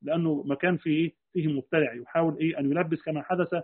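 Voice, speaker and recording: A man with an Egyptian Arabic accent gives a creed lesson in a high voice at a rapid clip. He explains by posing rhetorical questions and answering them himself. The recording is tinny and phone-like. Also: fairly even intonation. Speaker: religious teacher.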